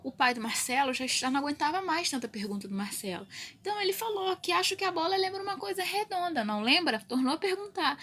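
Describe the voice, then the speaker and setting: Bright high-voiced woman teacher. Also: slight background noise. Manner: explains step by step with frequent check-in tags. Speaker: primary school teacher. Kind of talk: recorded grammar lesson for children.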